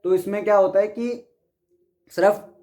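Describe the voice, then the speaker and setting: A man's voice: sits high, fairly even intonation, unhurried, dark tone. A young man from India with an Indian accent, a biology teacher giving an exam-prep lecture. He reads textbook lines aloud and then explains them again step by step. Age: young adult.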